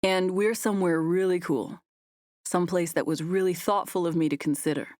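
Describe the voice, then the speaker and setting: A woman voicing a tender, playful young man in love, speaking gently and earnestly. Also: fairly low pitch, fairly even intonation, moderate pace, no room sound, clean studio sound, natural voice.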